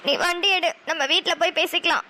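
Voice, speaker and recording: A woman voicing a caring elder sister giving brisk instructions in a cartoon. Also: very high voice, steady tone, pushed and bright. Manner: brisk, motherly. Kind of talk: cartoon voice acting.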